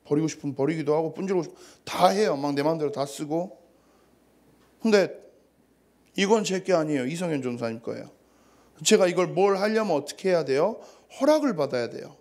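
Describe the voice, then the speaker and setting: A man's voice: fairly high pitch, expressive, a little fast, darkish tone. A man in his thirties, a youth pastor, giving a casual, story-filled sermon to teenagers. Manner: casual storytelling with acted quotes.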